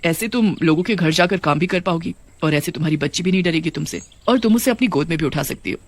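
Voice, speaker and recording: A woman voicing a calm, regal queen of witches in a cartoon horror story, who speaks graciously and grants favours. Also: fairly low pitch, fast talker, natural voice.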